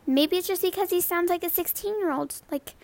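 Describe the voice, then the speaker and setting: A young woman with a high girlish voice, chatting casually about gaming, rambling with many fillers and repeated words. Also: a little fast, a little mellow. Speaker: gamer vlogger. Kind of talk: casual chat to camera.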